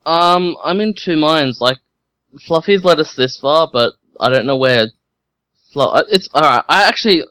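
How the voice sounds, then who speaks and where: Joking man player, slightly higher voice. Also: normal speed, no echo. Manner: joking, rambling, lively. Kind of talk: playing a tabletop game, casual chat.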